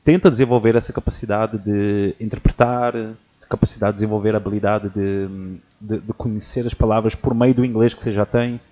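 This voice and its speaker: A man hosting a casual podcast who tells lively stories about teaching and acts out what people said. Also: on the low side, brisk, hardly any pauses. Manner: animated storyteller who acts out quotes. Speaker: podcast host and English teacher. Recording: dull lo-fi audio.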